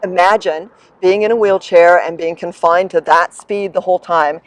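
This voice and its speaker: On poor audio, a low-ish, steady female voice at a moderate pace answers interview questions. She's a middle-aged New Zealander coordinating a land sailing business, and she promotes it with warm, upbeat enthusiasm as a guest.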